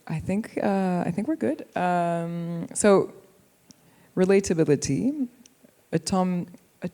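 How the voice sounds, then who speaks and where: A woman with a French accent moderates a conference panel. Her delivery is slow and halting, and her voice is darkish and lowish. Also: lively intonation, mellow.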